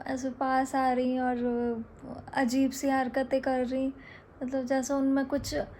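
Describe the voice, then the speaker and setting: A young woman from India recounting a dream in a chatty, halting way, with many fillers and restarts. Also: high voice, monotone, a little mellow, slight background noise. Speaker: storyteller. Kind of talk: casual storytelling.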